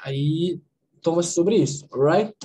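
A woman teaching English in an online class from a Brazilian Portuguese accent, explaining pronunciation slowly and checking in with her students. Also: fairly low pitch, warm tone, a little hiss or hum, low-quality recording. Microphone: video call.

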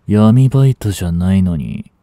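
In a Japanese voice drama aimed at women, a male voice actor plays a cynical, aloof young street delinquent in a one-sided dialogue, teasing lazily in rough, casual speech. His low, warm voice moves at a moderate pace with a dismissive mood. It's a dry, close-miked studio recording with no echo.

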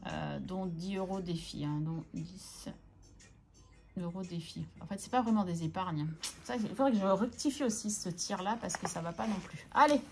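A woman vlogging casually as she sorts her budget, chatting to herself and counting out loud. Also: lowish voice, normal speed, gravelly, slight background noise. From France. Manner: talks to herself, scolds herself by name, counts aloud. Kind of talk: casual chatty talk to camera while counting money.

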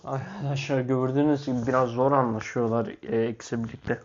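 A man's voice: medium pitch, flat delivery, a little fast, slight background noise. Man scolding and coaxing his pets. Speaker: pet vlogger. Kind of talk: casual vlog talk to pets and viewers. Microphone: clip-on mic. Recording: slightly dull lo-fi sound.

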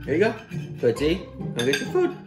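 A man's voice: on the high side, huge pitch swings, moderate pace. A young man chatting playfully to his pet in a coaxing, mock-serious way, recorded in a home kitchen from across the counter. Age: young adult. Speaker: pet owner making a dog video. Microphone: camera across the counter. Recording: roomy kitchen sound with music behind.

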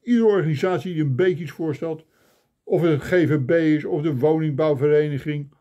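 An older man vlogs a comic rant on his phone camera, complaining with mock indignation. He speaks at normal speed in a warm, somewhat high voice.

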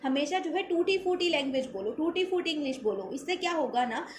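A woman's voice: sits high, lively intonation, fairly quick, reverberant, background noise. A woman teacher explaining a literary essay in a conversational way, with fillers and rhetorical questions. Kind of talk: explaining a text in a lesson.

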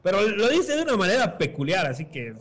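A man's voice: high-pitched, very animated, fast talker, fairly bright tone. A man from Bolivia, co-casting esports and reading out chat comments with frequent laughs. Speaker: esports caster.

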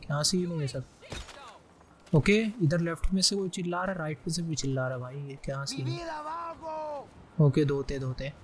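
A man giving live gameplay commentary, excitedly shouting quick callouts. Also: fairly high pitch. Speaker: gaming YouTuber.

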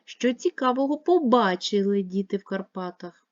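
A woman's voice: mid-range voice, animated, moderate pace, no echo. A woman teacher giving a primary school video lesson, explaining patiently and step by step. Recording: dull lo-fi dry recording.

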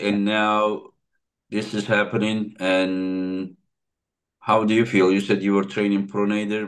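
Low-voiced man hosting a casual call. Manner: chatty, repeats short affirmations. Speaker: podcast host. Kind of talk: casual video-call interview. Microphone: video call.

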